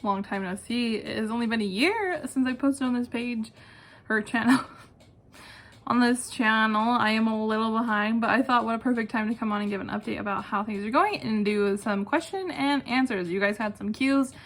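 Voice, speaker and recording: A young adult woman hosts a video channel from home, chatting casually in a single take as she answers questions, often poking fun at herself. Her voice sits a little high and sounds a bit bright, at a normal speed. A ceiling fan clicks overhead indoors, and neighbors may be talking outside.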